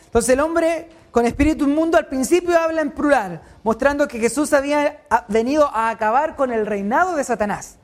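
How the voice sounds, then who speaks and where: Woman teaching Bible study, high voice, asks and answers her own questions. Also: brisk. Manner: asks the group questions and answers them herself.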